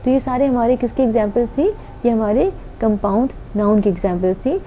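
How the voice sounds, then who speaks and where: A woman's voice: fairly high pitch, brisk, dark tone, lo-fi sound, slight background noise. A woman teaching an online grammar lesson, patiently explaining and answering her own questions.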